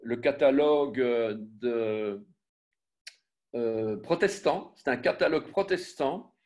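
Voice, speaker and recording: A man teaching a Biblical Hebrew lesson online, spelling out syllables and letters one by one, often pausing to correct himself. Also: medium pitch, a little mellow. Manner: self-correcting, with frequent fillers and restarts. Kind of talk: online class with screen sharing.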